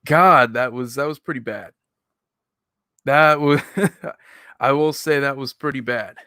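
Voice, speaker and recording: A man with an average-pitched voice gives casual reaction commentary. He rambles conversationally and is critical of himself. The recording is dry, with little room sound. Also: slow pace, bright, forceful tone, clear, resonant tone, no echo. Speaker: video host reacting to own old videos.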